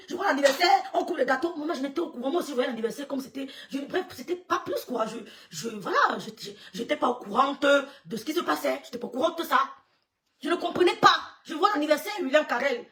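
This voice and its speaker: A woman telling a story live to her viewers, lively and laughing often, acting out what others said and greeting people as they join. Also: high voice, far from the mic. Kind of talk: animated storytelling on a live stream.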